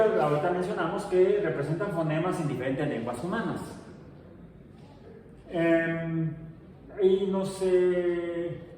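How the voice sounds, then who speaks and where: Picked up by a far-off mic in an echoey room with faint noise, a middle-aged teacher addresses his class. He has a Mexican Spanish accent and a fairly high, darkish voice, and he tends to digress into chatty anecdotes.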